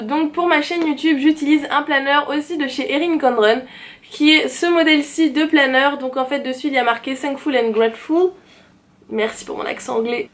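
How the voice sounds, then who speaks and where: A young woman vlogger chatting eagerly about her planners in a casual show-and-tell. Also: high-pitched. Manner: chatty and enthusiastic, gushing.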